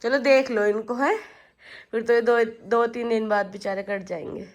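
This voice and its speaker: At home, a mother with a cold chats casually in a vlog, addressing both her kids and her viewers. Her voice is fairly high, her tone steady, and her pace moderate.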